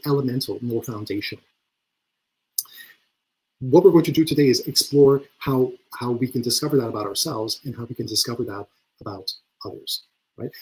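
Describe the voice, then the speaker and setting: Male leadership coach, mid-pitch voice, earnest, full of restarts, webinar talk over a video call. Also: a little mellow, breathy edge, low-quality recording. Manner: earnest, repeats words often when starting phrases.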